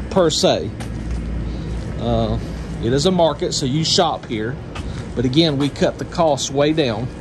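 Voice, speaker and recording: A man with a Southern Georgia accent giving a casual, folksy walkaround tour, explaining things step by step outdoors. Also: fairly high pitch. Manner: folksy, explanatory, lists items one by one. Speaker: vlogger, homestead channel host. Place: outdoors at a farm lot, by a trailer and van. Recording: outdoor video with clear background noise.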